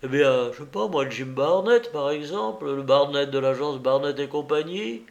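A man putting on an excitable police sergeant. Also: fairly high pitch, normal speed, vocal fry. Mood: insistent. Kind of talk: audiobook reading.

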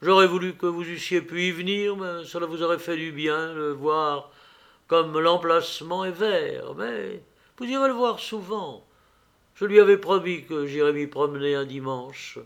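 Man doing a slow, soft-spoken grieving father, kind, storybook reading. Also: a little high, gravelly. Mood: gentle. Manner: warm, choked with grief. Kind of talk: audiobook character reading.

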